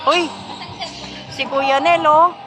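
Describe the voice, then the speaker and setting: Female courtside caller, high-pitched and chatty, teasing, music under her voice. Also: steady tone, slow, crowd noise. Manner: chatty, teasing, naming players. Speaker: courtside commentator. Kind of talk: casual play-by-play commentary.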